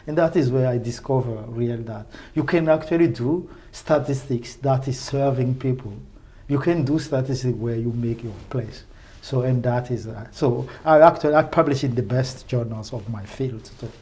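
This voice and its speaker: A middle-aged research professor from Benin, a native French speaker with a Francophone West African accent, appears as a guest on a podcast. In this casual spoken interview his mellow, mid-range voice sounds enthusiastic, though his phrasing is halting and repetitive.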